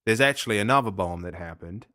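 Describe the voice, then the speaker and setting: A man's voice: expressive, fast talker, bright, forceful tone, no room sound, clean studio sound. Man putting on a bragging Australian chimp undertaker. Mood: bluffing salesman. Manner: rambling, sales-pitch bluster with fake chemistry. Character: boastful male chimp-burial salesman.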